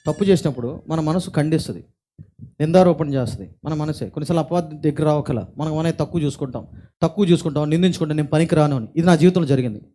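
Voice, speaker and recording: A male pastor preaching a sermon with emphasis, repeating his phrases and swinging between quiet stretches and forceful ones. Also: fairly high pitch, fast, a little hiss or hum.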